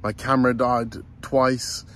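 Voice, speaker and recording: A man's voice: medium pitch, little pitch movement, measured pace, fairly bright tone, a little hiss or hum. A man, vlogging to camera in a casual, chatty way, worn out and hot after a long day. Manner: chatty, tired but upbeat, addresses viewers as guys. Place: inside a van under conversion. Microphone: phone held close, selfie framing.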